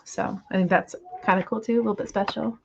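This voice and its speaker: A slightly hoarse woman hosting a comic book reading stream, chatting casually with lots of fillers and trying to slow her naturally fast speech. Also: medium pitch, steady tone, dull audio, slight background noise. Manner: rambling, filler-heavy, self-deprecating. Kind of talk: casual livestream chat.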